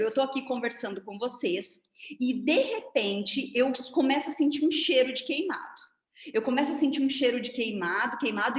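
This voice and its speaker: A woman with a Brazilian Portuguese accent gives a didactic online lecture to a seminar over a video call, explaining things with hand demonstrations. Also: on the high side. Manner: didactic, animated, demonstrating with her hands. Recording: roomy echo.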